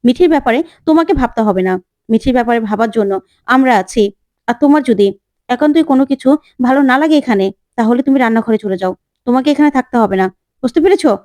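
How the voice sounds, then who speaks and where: Scolding protective young woman, rapid-fire, as a woman reads her. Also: a little high, lively intonation, a little mellow, no echo, lightly acted. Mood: angry.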